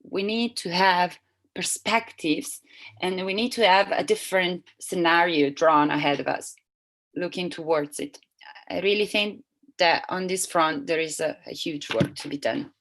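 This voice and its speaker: A woman interpreting a seminar talk live, speaking haltingly with frequent restarts and self-corrections. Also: on the low side, fairly bright tone, rough recording. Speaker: simultaneous interpreter.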